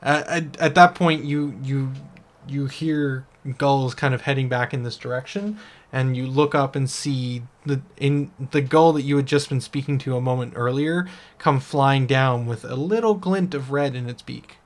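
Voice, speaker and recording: A man narrating as game master in a tabletop game, halting and casual. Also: mid-range voice, fairly even intonation. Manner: halting, with restarts and fillers.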